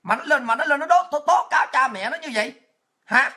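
A woman's voice: high-pitched, animated, fairly quick, sharp tone, soft background music. A woman with a Southern Vietnamese accent, delivering an angry, profane political rant as an online commentator. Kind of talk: ranting online monologue.

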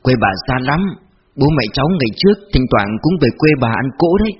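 A man voicing a grieving old grandmother, gentle and resigned, speaking softly and pleadingly. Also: mid-range voice, sing-song, fast talker, lightly acted. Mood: tender. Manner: soft and pleading. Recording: dull lo-fi audio with faint music.

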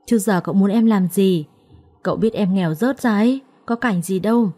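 A woman voicing a quick-witted young wife who answers firmly. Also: medium pitch, dark tone, lightly acted. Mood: playful. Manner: firm, quick retorts.

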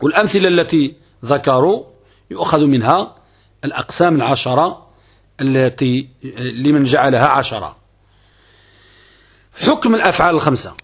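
A middle-aged man with a Moroccan accent, a sheikh lecturing on Arabic grammar, reciting verses and readings slowly and deliberately. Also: fairly high pitch, lively intonation, slightly rough.

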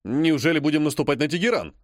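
A man voicing a brisk male army commander who barks impatient orders. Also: a little high, animated, no room sound, clean studio sound, natural voice. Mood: surprised. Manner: barking, impatient.

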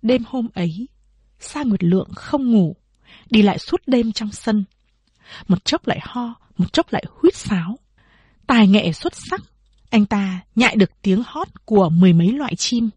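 A woman narrating a novel aloud in measured storytelling, voicing all the figures herself. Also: mid-range voice, lively intonation, darkish tone, husky, no echo. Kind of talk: audiobook narration.

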